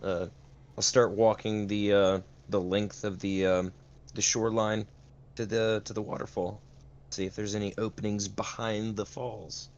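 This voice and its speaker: Hesitant lower-voiced male player. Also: little pitch movement, unhurried, lo-fi sound. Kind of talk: tabletop game play over voice chat.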